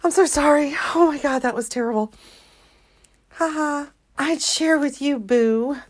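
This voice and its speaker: A woman's voice: high-pitched, a little slow. A woman in her forties vlogging in a casual, rambling way, giggling and mocking herself as she tells a family story. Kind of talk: casual chat, reading out messages.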